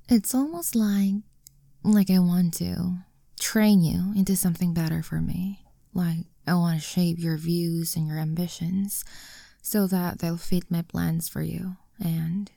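A young woman whispering an intimate, coaxing audio roleplay in a soft, commanding way. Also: fairly low pitch, creaky, no room sound, clean studio sound.

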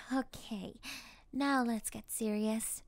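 A woman's voice: on the high side, fairly even intonation, dry recording. A woman voicing a mocking, obsessive female hypnotist who keeps a captive under her control, in an audio roleplay. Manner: teasing, slow and breathy, often laughing.

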